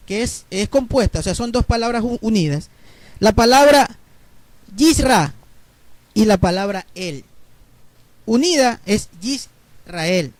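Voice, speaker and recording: A man preaching a Bible teaching sermon, explaining word roots slowly and checking in with his listeners. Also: very high voice, no room sound. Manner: explains slowly, spells letters out, asks listeners ¿verdad?.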